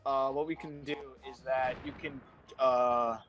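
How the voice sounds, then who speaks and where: A young man talks through his gameplay in casual, profane banter with friends, steady in pitch and quick with opinions. Faint game music plays underneath his voice. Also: highs cut off. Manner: swears freely, joking and opinionated. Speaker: player and commentator. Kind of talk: casual let's-play commentary among friends.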